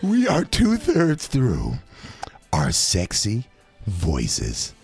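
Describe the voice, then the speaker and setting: A man's voice: on the low side, huge pitch swings, very slow, faint music behind. A man hosting a comic radio call-in show, boisterous and wisecracking. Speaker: radio host.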